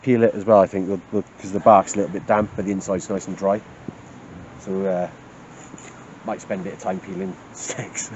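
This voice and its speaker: A man's voice: low voice, little pitch movement, a little fast, darkish tone, dull audio, slight background noise. A man with a South Wales Valleys accent chatting casually and jokily to a handheld camera outdoors. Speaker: camper filming an outdoor vlog. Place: outdoors at a woodland campsite.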